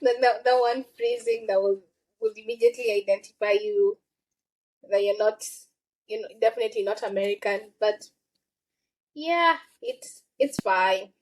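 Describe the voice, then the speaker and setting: Chatty young Kenyan woman, higher voice. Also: moderate pace, poor audio. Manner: chatty, filler-heavy, often laughing. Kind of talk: casual chat.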